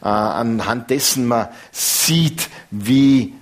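A man, preaching a sermon in a lively, conversational way. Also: mid-range voice, extremely slow. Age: 50s.

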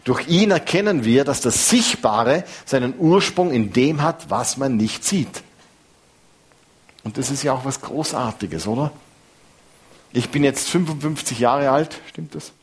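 A man, preaching a sermon in a lively, conversational way. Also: medium pitch, a little slow, slightly rough. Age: 50s.

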